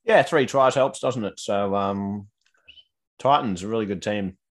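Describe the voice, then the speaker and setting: Aussie male panellist, lower-pitched, casual sports chat. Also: measured pace. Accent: Australian. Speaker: fantasy rugby league panellist.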